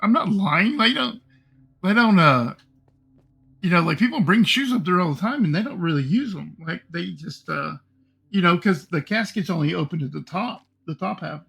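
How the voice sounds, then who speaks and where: A middle-aged man streaming his game and telling a long personal story in a rambling, halting way, full of fillers and swearing. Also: sits high, expressive, creaky, a bit bright, breathy edge. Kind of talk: casual storytelling while gaming.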